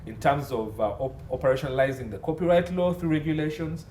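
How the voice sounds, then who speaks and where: Quick and expressive, with a slightly high, darkish voice, a Ugandan legal consultant in entertainment and media law answers interview questions by listing points emphatically. There's a roomy echo and some faint background noise.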